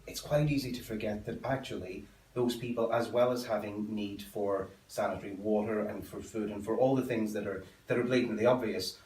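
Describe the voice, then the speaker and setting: A man hosting a relaxed sofa interview, asking earnest, measured questions. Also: on the low side. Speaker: host. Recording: echoey room, mic far off.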